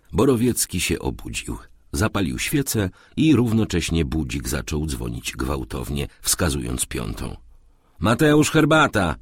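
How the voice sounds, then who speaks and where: A man narrating a literary audiobook with a lively, expressive reading. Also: rumbling low, husky, no room sound, clean studio sound.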